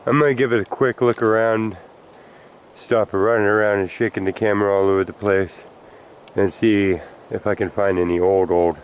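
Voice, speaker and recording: A man's voice: on the low side, fairly even intonation, normal speed, slight background noise. A man exploring a hillside, rambling and thinking aloud as he climbs, at times out of breath, recorded on a handheld camera mic outdoors. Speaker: explorer vlogger.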